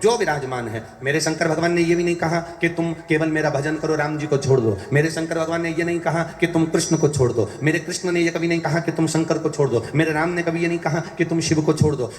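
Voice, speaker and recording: Man preaching emphatically in an echoey hall. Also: on the high side. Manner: repetitive, emphatic, exhorting listeners. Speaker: preacher giving a religious discourse. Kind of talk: devotional sermon with sung verses. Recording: echoey hall with music behind.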